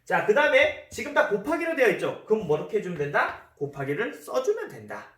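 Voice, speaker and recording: High-voiced guy teaching math, bouncy pitch, echoey room, a bit far from the mic. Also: fast talker. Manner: lively, repeats key words, asks the class questions. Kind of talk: classroom math lesson. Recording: roomy echo, voice from a distance.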